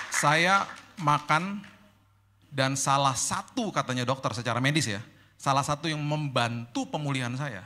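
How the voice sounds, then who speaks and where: A male pastor telling a personal story in a lively, conversational sermon, slipping in English phrases. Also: medium pitch, background noise.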